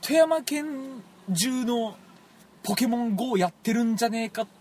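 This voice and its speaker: A man from Toyama with a Toyama dialect, telling a rambling, animated story as a radio show co-host in casual chat. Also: extremely high pitch, moderate pace, a little hiss or hum. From Toyama, Japan. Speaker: podcast co-host.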